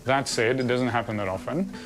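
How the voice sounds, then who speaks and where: A man, an anaesthetic consultant, giving sober, measured warnings to a patient. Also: medium pitch, music in the background. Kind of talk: clinical consultation.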